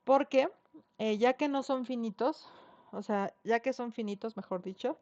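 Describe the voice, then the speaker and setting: A middle-aged woman from Xochimilco in Mexico City, with a Mexican Spanish accent, gives an online university lecture in a conversational style full of fillers and tag questions. Her voice is on the high side, unhurried and mellow. The online class audio is dull and dry, with no echo.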